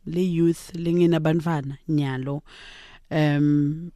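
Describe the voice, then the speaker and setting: A man's voice: a little high, steady tone, slow, dark tone, no echo, clean studio sound. A young South African man hosting a radio talk show in a conversational style. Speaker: radio host.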